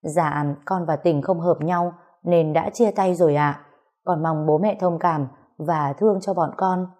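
A woman's voice: lowish voice, steady tone, measured pace, dark tone. A woman voicing a young man in a read-aloud story, politely pleading with his parents.

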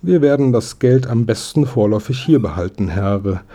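A man doing a gruff, stern bank manager. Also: medium pitch, expressive, moderate pace, dark tone, lightly acted. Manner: brusque, commanding.

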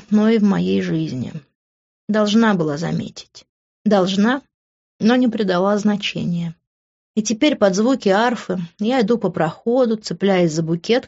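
A woman reads a first-person novel aloud with emotional, dramatic delivery, her pitch sitting in a middle range. The recording is dull and lo-fi, like a home audiobook setup. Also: darkish tone. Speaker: audiobook narrator.

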